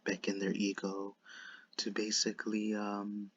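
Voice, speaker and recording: A man speaks in a low, monotone voice, with a lisp that whistles on his s sounds. He comments off the cuff, haltingly, often repeating and restarting phrases. The microphone sound is dull and lo-fi. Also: a little hiss or hum. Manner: halting and repetitive, circling back over phrases. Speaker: online commentator. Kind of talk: unscripted commentary.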